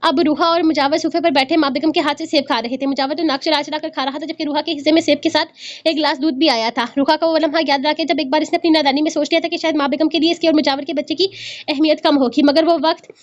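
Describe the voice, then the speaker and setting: A woman narrating a serialized family novel in a brisk reading with occasional restarts. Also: high voice, fairly even intonation. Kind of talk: storybook narration. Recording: dull lo-fi recording.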